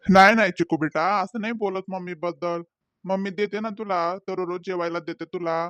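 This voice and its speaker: A man voicing a patient father in a cartoon, soothing his daughter and trying to calm his quarreling family. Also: high-pitched, a little fast, dry recording, lo-fi sound. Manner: soothing, placating. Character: patient, placating young father. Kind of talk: cartoon voice acting.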